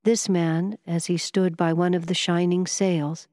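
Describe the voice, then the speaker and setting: Woman audiobook narrator, measured and even, low-pitched, close dry voice with a long reverb tail. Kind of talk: scripted narration of a first-person novel.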